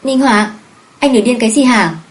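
A woman voicing a defiant young wife who snaps back in sharp, raised retorts. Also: lowish voice, rapid-fire, close to an everyday voice. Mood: alarmed.

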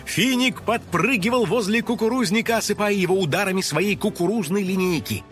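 A man narrating a children's audio story in an animated, scripted style. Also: high voice, a little fast, faint music behind.

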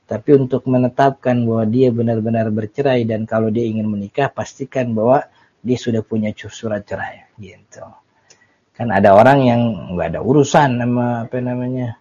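A man's voice: medium pitch, moderate pace, slightly rough. Man teaching with a lilt. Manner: relaxed, joking, reads Arabic then explains. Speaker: Islamic teacher. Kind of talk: casual kitab study lesson. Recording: dull lo-fi lecture recording.

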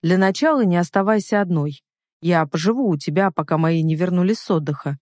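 A woman's voice: on the low side, fairly quick, a little mellow, dry recording, studio quality, close to an everyday voice. A woman voicing a hot-tempered, protective older brother in an audiobook reading, talking in a blunt, firm way.

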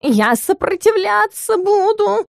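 A woman's voice: very high voice, sing-song, slow pace, creaky, no echo, studio quality, pitched above the performer's own voice, exaggerated voice. A woman voicing a cocky, cowardly talking male cat in an audiobook, whiny and protesting. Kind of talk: audiobook character reading.

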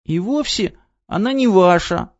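Guy putting on a little girl's voice, high and pleading, gets shrill, lively, dry kinda dull recording. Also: unhurried, no room sound. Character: little girl time traveler, stubborn and tearful.

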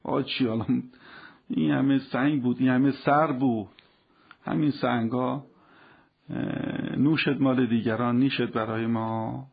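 A man speaking on religious themes with a gravelly, husky voice, his delivery fervent and preacherly. The sound is dull and lo-fi, like an old radio broadcast. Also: medium pitch, fairly even intonation. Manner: impassioned, preacherly, rising to fervent appeals. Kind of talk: religious talk.

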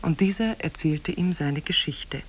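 For a 1950s German radio play, an actress with a low, slightly rough voice narrates an Arabian Nights tale in a measured, formal storytelling style.

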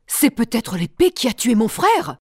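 Proud queen in a learners' storybook, clear and deliberate, voiced by a woman, high voice, dry sound. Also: very animated, no room sound. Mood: intent. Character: proud middle-aged queen, vengeful then gentle.

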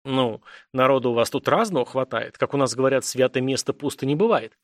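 A man's voice: mid-range voice, a little fast, dry recording, studio quality, lightly acted. A man voicing a blunt, streetwise former army scout with a lightly mocking manner, read as an audiobook character. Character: ailing ex-army male scout, blunt and wry.

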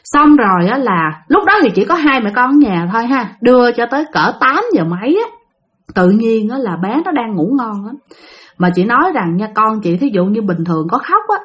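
Woman narrator; fairly high, animated delivery, speaks directly to the audience. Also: moderate pace. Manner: animated, talks straight to listeners. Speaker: storyteller. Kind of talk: storytelling a spooky real-life tale.

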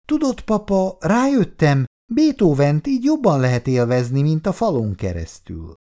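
A man's voice: a little high, sing-song, mellow, voice pushed up. A man reading aloud and voicing an earnest, sensitive young woman. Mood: sheepish. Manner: earnest, hurt.

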